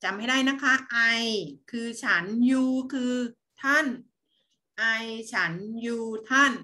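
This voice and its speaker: A woman gives a lesson to young children, drawing out her words in a slow, coaxing sing-song. Her voice sits a little high and sounds bright. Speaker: kindergarten teacher.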